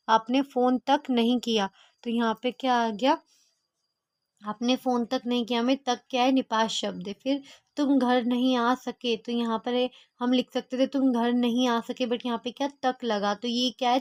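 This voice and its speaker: A woman's voice: on the high side, darkish tone, dry recording, muffled recording. A woman tutoring a grammar lesson, explaining each example and answering her own questions, with fillers and restarts.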